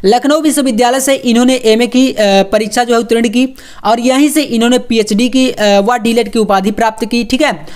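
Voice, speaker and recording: A man's voice: very high-pitched, steady tone, normal speed. A young man coaching students for an exam, walking through model answers with emphatic, repeated reminders and coaxing asides. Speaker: exam prep tutor.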